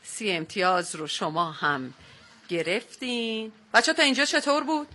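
A woman's voice: mid-range voice, pushed and bright. A woman radio host, upbeat, prompting her guest with questions and short replies. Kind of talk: radio show hosting.

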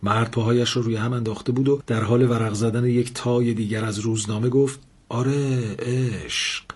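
Husky male storyteller, expressive audiobook narration. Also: mid-range voice.

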